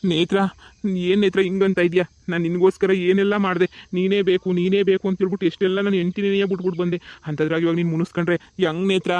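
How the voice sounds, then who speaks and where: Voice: medium pitch, little pitch movement, quick pace, a little mellow, no room sound, close to an everyday voice. A performer voicing a young husband in a cartoon comedy, pleading and coaxing over and over.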